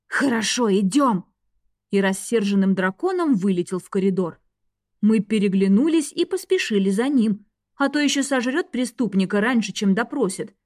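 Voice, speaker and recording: A woman's voice: mid-range voice, animated, normal speed, a little mellow, no echo, clean studio sound. Woman narrating a wry fantasy audiobook.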